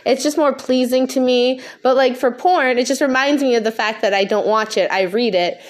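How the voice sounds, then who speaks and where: Woman, slightly high pitch, stoned, drifting off track, unfiltered casual podcast chat. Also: moderate pace. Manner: stoned, rambling, losing her thread; frank, casual swearing. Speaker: podcast host.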